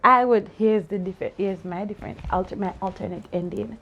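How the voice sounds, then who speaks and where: A woman with a medium-pitched, fairly bright voice talks a little fast, with some vocal fry, and the highs sound cut off. She's an aunt casually discussing a story with a child after reading it, asking questions, laughing often and teasingly challenging the child's answers.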